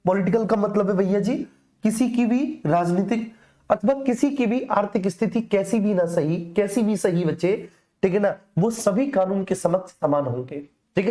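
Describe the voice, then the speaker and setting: With a warm, mid-range voice, an Indian-accented woman teaches an exam-coaching lecture meant to explain. She chats with her students in a familiar tone and leans on repeated key phrases for emphasis.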